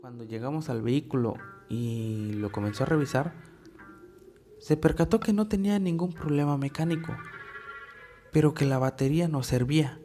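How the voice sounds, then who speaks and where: A man narrating a first-person horror story in a measured, deliberate way with dramatic pauses. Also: medium pitch, dark tone, soft background music.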